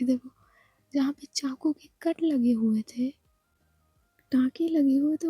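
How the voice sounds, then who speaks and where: High-voiced woman whispering a story. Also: no echo. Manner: soft, hushed, repetitive.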